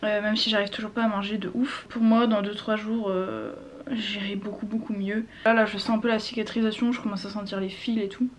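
A woman's voice: mid-range voice, little pitch movement, a little fast, slight background noise. A young woman vlogger chatting informally and frankly to camera, with some self-deprecation. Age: young adult. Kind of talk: casual chat to camera. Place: small room at home, indoors.

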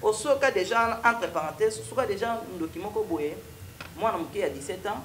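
A young prophet with a Congolese accent is interviewed in a TV studio set against a stone wall, recounting his testimony while alternating between French and Lingala. His voice is high-pitched and fairly bright, at normal speed, and the sound is roomy with a slight hiss or hum.

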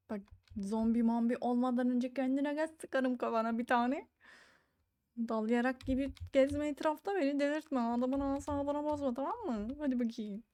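A woman's voice: sits high, mellow, no room sound. A woman giving casual let's-play commentary, swearing, joking and reading game dialogue aloud. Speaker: gaming YouTuber.

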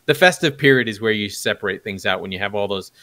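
A man's voice: on the low side, fast, sharp tone, no echo. A middle-aged man giving casual, analytical match commentary, repeating phrases for emphasis. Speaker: football pundit and co-host. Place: indoors at home, video call.

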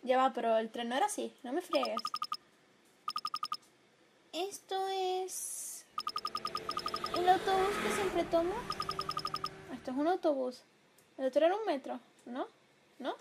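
A young woman talks over her gameplay in a high voice, reacting emotionally and now and then breaking into loud outbursts. Steady noise from her home setup sits clearly behind her. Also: normal speed. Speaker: gameplay commentator. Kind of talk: let's play commentary.

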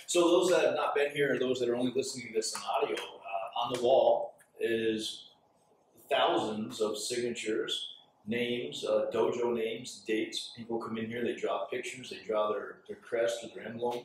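A man's voice: medium pitch, moderate pace, slight background noise. Podcast host man, very echoey and distant. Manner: animated storyteller, gestures a lot. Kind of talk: conversational interview. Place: small bar with signed walls, indoors. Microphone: far camera in the room. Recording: very echoey room from far off.

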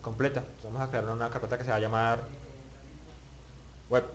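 A man's voice: medium pitch, level tone, a little fast, muffled recording. A man teaching web page building in a screen-recorded tutorial, thinking aloud and muttering as he clicks, with many restarts. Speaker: web development instructor.

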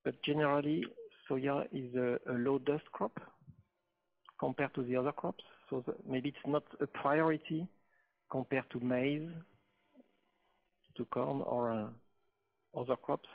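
A man on a webinar panel answers questions in a slow, halting way, pausing often to find his words. His voice is gravelly, and it comes through a thin, phone-like line. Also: medium pitch, fairly even intonation. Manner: halting, many pauses and fillers. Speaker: webinar panelist, seed treatment expert.

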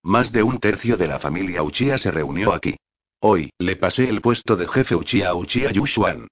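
A man with a low voice narrates an audiobook at a steady, even pace, adding little expression to the reading. The recording sounds dull and lo-fi, as if the top end were rolled off.

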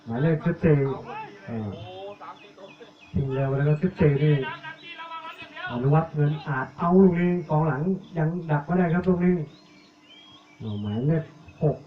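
A man giving live commentary on a village football match, reeling off player numbers and names and getting louder on attacks. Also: on the high side, moderate pace, long pauses, a crowd in the background. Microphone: cheap tablet recording. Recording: echoey, tinny, phone-like audio.

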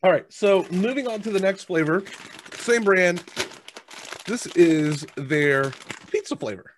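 Here a high, unhurried male voice comes through with a little hiss or hum. He's an American in his thirties hosting a snack review from his desk on a video call, speaking through a headset and munching crunchy snacks while he chats casually and plainly.

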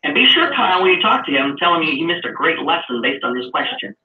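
A man's voice: a little high, very animated, fast talker. A man teaching a live trading session in a chatty way, explaining through long everyday comparisons. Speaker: trading instructor. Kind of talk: live online trading lesson. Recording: echoey, far from mic, tinny lo-fi sound with faint noise.

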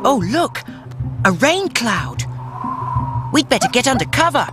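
Cheerful young male cartoon octopus, friendly, boyish, lively pitch, clear music behind. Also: measured pace. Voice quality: friendly and eager, a bright boyish voice. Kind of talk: cartoon voice acting.

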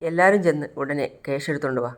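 A woman voicing a practical older woman organizing money for her friends, speaking briskly. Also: sits low, close to an everyday voice. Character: older sister figure handling money.

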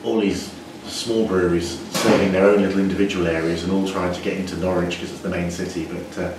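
Deep-voiced brewer in an echoey room. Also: male voice, flat delivery, recorded from a distance, very noisy. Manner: measured, explanatory, with frequent restarts. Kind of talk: interview answers. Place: indoor brewery floor.

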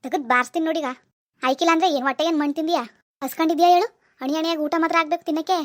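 A woman's voice: high-pitched, steady tone, rapid-fire, no echo, studio quality, natural voice. A woman voicing a bossy, nagging middle-aged village husband in a cartoon, scolding. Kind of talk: cartoon dialogue.

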